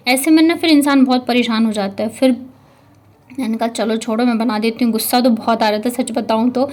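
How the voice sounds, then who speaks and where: A woman's voice: a little high, a little mellow. A young woman narrating her day in a casual, chatty home vlog, telling the story with lots of fillers. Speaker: vlogger.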